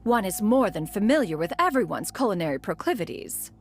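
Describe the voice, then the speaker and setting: In a video game, a woman voices an ancient, aloof female crane spirit who calls herself "one" and speaks in archaic, formal language. Her delivery is poised and brisk, at a medium pitch with big pitch swings.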